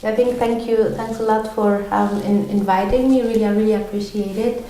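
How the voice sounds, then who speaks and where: A woman's voice: medium pitch, steady tone, moderate pace, warm tone, a little hiss or hum. Hesitant woman in an echoey room. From Tunisia. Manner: hesitant, many ums and restarts. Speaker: podcast guest. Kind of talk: conversational interview answers. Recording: very echoey room, mic far off.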